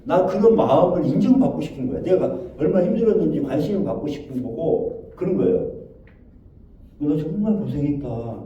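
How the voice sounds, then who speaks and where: A man's voice: on the high side, lively intonation, fast talker, hardly any pauses, warm tone. A man giving a spoken lecture on overcoming depression, asking his listeners rhetorical questions and acting out the phrases he quotes. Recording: echoey and distant, dull, faint noise.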